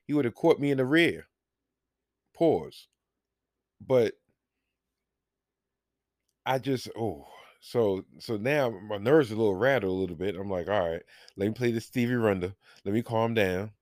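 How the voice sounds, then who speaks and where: A lower-voiced man tells a long, rambling story on his podcast. He acts out the dialogue and swears freely. The sound is dry and close to the mic. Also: dry recording. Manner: animated, profane storytelling with acted-out dialogue. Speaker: podcast host. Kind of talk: casual storytelling.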